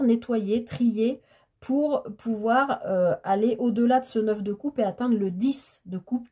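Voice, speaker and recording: A woman giving a tarot reading in a casual, hesitant way, stammering and filling pauses as she talks. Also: on the high side, mellow. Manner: hesitant, stammering, many fillers. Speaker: tarot card reader.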